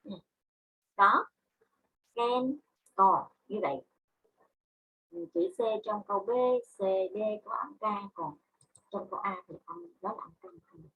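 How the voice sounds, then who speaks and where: A woman's voice: mid-range voice, unhurried, long pauses, pushed and bright, slightly rough, poor audio. A woman English teacher with a Vietnamese accent, giving a class, spelling words out letter by letter and explaining in Vietnamese. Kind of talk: online class lesson.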